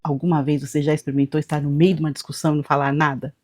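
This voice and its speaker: A woman hosting a talk, speaking calmly and softly, sharing personal reflections with the viewer. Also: low-pitched, rapid-fire, soft background music. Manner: calm, soft-spoken, personal. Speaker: host.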